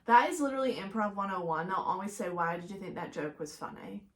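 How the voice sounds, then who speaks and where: A woman's voice: mid-range voice, expressive, quick pace, a bit bright. A middle-aged woman hosting a solo podcast, speaking casually and bluntly. She gets fired up and swears freely, and she peppers her sentences with "like" in a mid-range voice. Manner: fired-up, blunt and profane, heavy use of "like". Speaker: podcast host.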